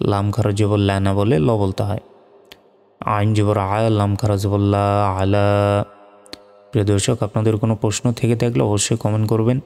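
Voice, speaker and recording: A man with a low, mellow voice teaches Quran reading slowly and patiently, spelling out each Arabic letter and vowel mark before chanting the verse. A long hall reverb trails his words. Faint music sits underneath. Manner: slow, patient, methodical.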